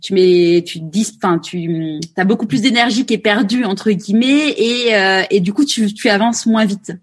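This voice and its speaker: A woman interviewing a guest in a relaxed conversation, speaking haltingly with many fillers and restarts. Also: mid-range voice, husky.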